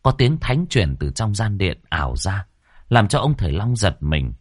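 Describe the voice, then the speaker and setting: Low-voiced man telling a ghost story. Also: moderate pace, breathy edge, dry recording, studio quality. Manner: expressive, dramatic storytelling.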